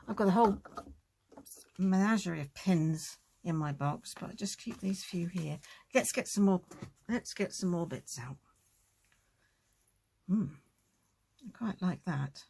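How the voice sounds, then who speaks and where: A woman's voice: lowish voice, creaky, dark tone, a little hiss or hum. A woman hosting a casual crafting tutorial, chatting and thinking aloud as she works.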